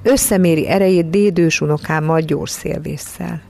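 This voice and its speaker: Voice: mid-range voice, steady tone, creaky, dark tone, natural voice. A reader doing a solemn, friendly old chief.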